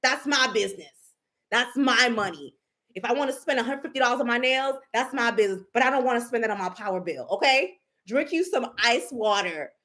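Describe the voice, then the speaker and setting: Brisk and animated, a psychic reader from a Haitian family gives a casual tarot reading in a fairly bright, high-leaning voice. She's brash and profane, pressing her points with sassy emphasis.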